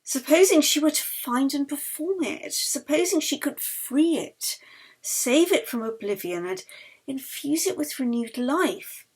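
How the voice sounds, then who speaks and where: Poor audio captures a woman reading her novel aloud, slightly slowly, in a high-pitched, husky, breathy voice. Her expressive audiobook narration is dramatic, and her phrases drop away to a hush at the end.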